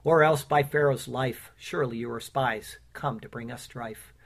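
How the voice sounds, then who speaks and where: A pastor preaching a sermon with casual asides and fillers, who reads his own rhymed Bible poem in a measured cadence. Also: mid-range voice. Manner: earnest, recites rhymed verse in a measured cadence.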